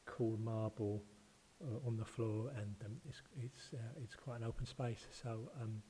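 A man's voice: fairly low pitch, steady tone, measured pace, warm tone, a little hiss or hum. A man hosting a podcast in a chatty, hesitant, self-deprecating way, in an open marble-floored room that echoes like a bathroom. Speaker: podcast host. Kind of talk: informal podcast talk.

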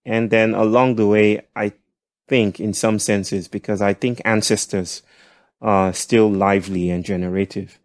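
A man with a nasal voice that sits on the low side. He talks as a podcast guest in a reflective, halting way, pausing often. The recording is dry and close. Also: fairly even intonation, no echo. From Nigeria. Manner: thoughtful, halting, with soft laughs. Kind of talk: reflective conversational storytelling.

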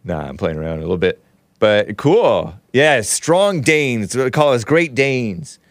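This man hosts a casual stream, playfully reading viewer messages in mock voices and chuckling throughout. His medium-pitched voice has lively intonation and an unhurried pace, captured at studio quality with no room sound.

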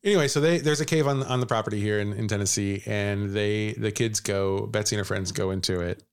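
A man with a gravelly, creaky voice tells a ghost story to a co-host in loose, casual chat. He rambles, laughs often and drops into quick put-on voices for quoted lines. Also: on the low side.

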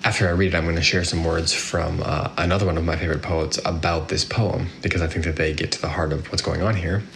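A man hosting a poetry podcast in a measured, reflective and somewhat halting way, recorded on a phone with a hollow sound. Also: sits low, fairly even intonation, gravelly, fairly bright tone. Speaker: podcast host. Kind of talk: poetry podcast talk with readings. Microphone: iPhone. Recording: hollow phone recording, faint background noise.

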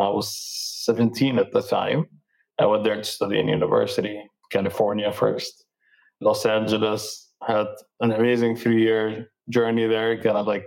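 A man's voice: on the low side, creaky, poor audio. A young man from Dubai, a startup founder, casually telling his story in an interview, loose and full of fillers. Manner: relaxed, with many fillers like "like" and "you know".

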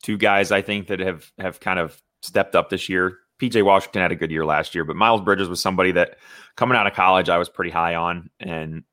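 A young man from Indiana with a very low voice talks sports on a podcast. His speech is loose and chatty, full of "you know" and restarts. The sound is dry and close, with no room around it. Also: fairly even intonation, a little fast, bright, forceful tone, no echo. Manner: conversational, many fillers and restarts. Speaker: podcast co-host. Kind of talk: casual sports talk.

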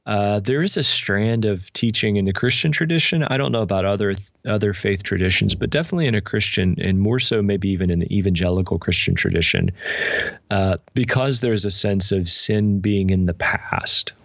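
This interview guest, a pastor who also writes books, has a creaky voice on the low side with a fairly bright tone, speaking at normal speed. He explains ideas in a reflective, conversational way with illustrative asides, and the sound is dry, dull and lo-fi.

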